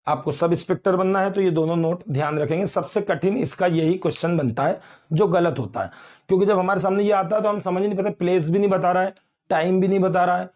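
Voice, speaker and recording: A man teaching grammar in an online exam-prep lecture, explaining slowly with repeated examples and calling his students beta. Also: high voice, darkish tone.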